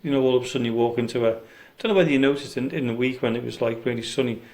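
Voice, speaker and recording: A man leading a ghost hunt in a dark cellar, coaxing spirits to come forward and chatting about what he feels. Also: mid-range voice, rapid-fire. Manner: coaxing, gentle, chatty asides. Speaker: paranormal investigator.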